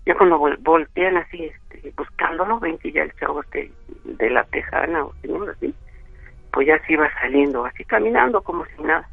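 A man's voice: a little high, normal speed, creaky, breathy edge, no room sound. A Mexican man telling a spooky story over the phone, rambling with many fillers. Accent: Mexican Spanish. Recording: tinny phone line.

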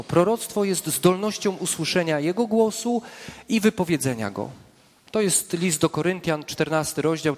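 High-voiced preacher in a reverberant hall. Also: male voice. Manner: earnest, slows down and drops low for emphasis. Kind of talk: sermon with prayer.

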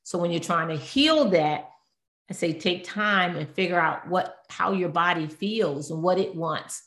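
A woman appears as a therapist guest, offering conversational expert talk in an earnest way, her voice on the low side, a bit bright, and measured in pace. She often searches for words and corrects herself mid-sentence. The recording has a roomy echo.

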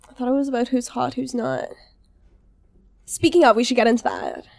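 A woman's voice: fairly high pitch, big pitch swings, brisk, creaky, a little mellow, no room sound, studio quality. A woman co-hosting a podcast, recapping a TV show in playful, teasing casual chat. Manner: playful, teasing, filler-heavy talk. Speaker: podcast co-host.

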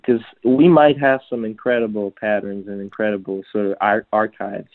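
A man speaks in a relaxed podcast chat, his sentences stopping and starting as he searches for words. His voice sits on the low side. The sound is thin and narrow, like a phone call. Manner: halting, many restarts and fillers. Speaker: customer service at a trouser maker. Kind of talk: casual podcast conversation. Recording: tinny phone-like line.

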